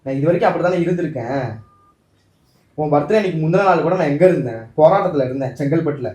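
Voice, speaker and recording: A man's voice: fairly high pitch, quick pace, warm tone, reverberant. A man acting out a couple's quarrel in a vlog skit, pleading and emotional.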